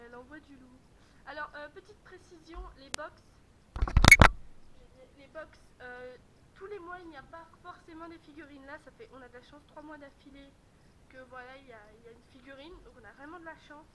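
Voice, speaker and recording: A woman with a high voice chats eagerly to her viewers as she opens a parcel, excitable and quick to laugh. A low rumble and steady noise run under her home recording. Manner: chatty and excitable, laughing often. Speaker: YouTuber. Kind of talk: casual unboxing chat.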